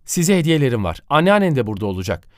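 A man voicing a chatty, cheerful middle-aged mother in an animated storybook, speaking a little brighter and higher. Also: racing, no echo, studio quality, lightly acted.

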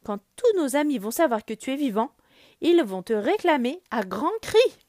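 A woman's voice: sits high, sing-song, moderate pace, darkish tone, no room sound, studio quality, voice pushed up. A woman voicing a brave young lioness in a storybook, speaking in a raised, eager voice.

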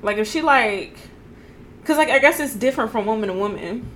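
A woman's voice: a little high, expressive, a little fast, a little hiss or hum. A woman co-hosting a casual podcast chat, talking bluntly and ranting with laughter. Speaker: podcast co-host.

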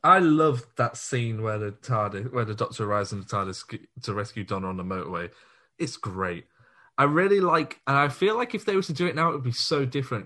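A man's voice: medium pitch, sharp tone. A man co-hosting a podcast, chatting casually and enthusiastically, laughing easily. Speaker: podcast co-host. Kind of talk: casual chat.

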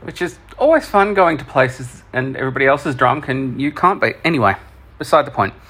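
A man's voice: mid-range voice, very animated, brisk, pushed and bright, husky. Sweary man telling a story. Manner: sweary, self-deprecating, laughs through awkward parts. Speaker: podcast host. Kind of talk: casual storytelling.

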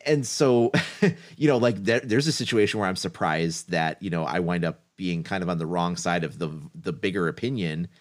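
A man's voice: sits low, moderate pace. A man co-hosting a casual gaming podcast, talking things through with hedges and frequent laughs. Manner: thoughtful, hedging, laughs often.

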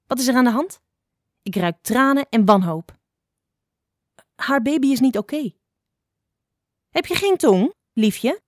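A woman voicing a blind, sharp-tongued old female fox who scolds impatiently. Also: on the high side, expressive, normal speed, long pauses, dry recording, studio quality, voice pushed up, lightly acted. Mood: stern.

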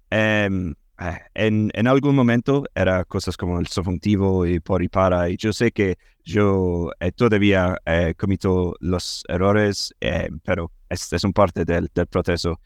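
A Scottish man, a native English speaker, speaking conversational non-native Spanish in an interview, halting and repeating words as he searches for them. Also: sits low, steady tone, no echo, clean studio sound. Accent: Scottish accent in Spanish. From Scotland. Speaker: interview guest, language learner and former English teacher.

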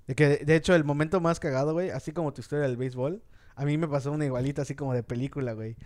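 A Mexican man with a Mexican accent telling a story in fast, slangy casual chat, acting out the lines of the people in it. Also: fairly high pitch, fairly even intonation, a little mellow.

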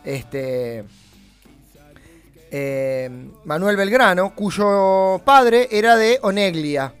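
A man's voice: sits high, lively intonation, extremely slow, smooth, faint music behind. A man with an Argentine accent hosting a radio show, running through the day's dates in an informative, affirming way. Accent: Argentine Spanish. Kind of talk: casual radio chat.

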